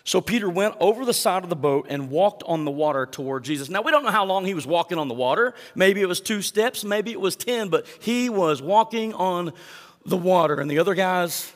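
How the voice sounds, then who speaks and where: A man's voice: high-pitched, expressive, fairly quick, long reverb tail. A male pastor preaching a sermon, reading scripture aloud with dramatic emphasis and asking the congregation for responses.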